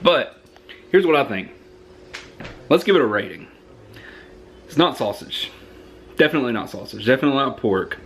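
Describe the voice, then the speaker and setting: A man's voice: mid-range voice, very animated, normal speed, long pauses, slight background noise. Chatty Southern man reviewing food. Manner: chatty, rambling, joking.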